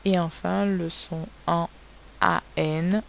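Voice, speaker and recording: A woman's voice: on the low side, steady tone, slow pace, creaky, muffled recording, slight background noise. A woman teaching a recorded phonics lesson to young pupils, spelling out sounds letter by letter. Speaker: primary school teacher.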